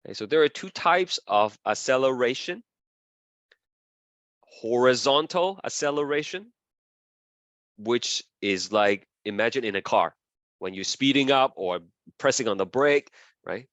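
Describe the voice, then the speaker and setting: A man's voice: medium pitch, animated, measured pace, pauses often, fairly bright tone, dry recording. A man lecturing a class, repeating key terms as he draws and often asking "okay?" and "right?".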